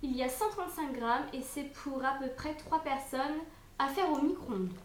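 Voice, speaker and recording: A woman's voice: high-pitched, moderate pace, a little hiss or hum. A young woman chatting casually as she unboxes and reviews food products, with frequent hesitations and fillers. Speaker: unboxing vlogger. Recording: echoey room.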